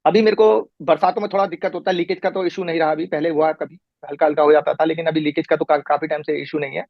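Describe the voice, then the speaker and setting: A middle-aged man in a patient's chair who talks quickly in a rather high voice and rambles through detail, restarting often. The recording is dull and lo-fi, with a dry, close sound. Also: steady tone, creaky, no echo. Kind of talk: casual conversation. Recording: muffled lo-fi recording.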